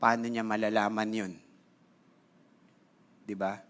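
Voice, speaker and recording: A pastor with a Filipino accent preaching a sermon to his congregation, telling a story in a lively, conversational way and often clearing his throat. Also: fairly low pitch, takes it slowly. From Philippines. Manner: animated, conversational, switching between Tagalog and English.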